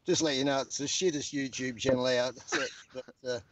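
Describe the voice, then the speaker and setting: A man's voice: mid-range voice, fairly even intonation, a little fast, no echo, low-quality recording. A middle-aged man bantering crudely as a guest in a casual chat.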